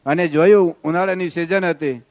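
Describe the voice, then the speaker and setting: A man delivers a devotional sermon, moving between parables and sung verses. His voice sits high and sounds smooth and resonant, and he preaches with a storyteller's pull. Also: fairly even intonation, moderate pace, a little mellow. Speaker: swami giving a religious discourse.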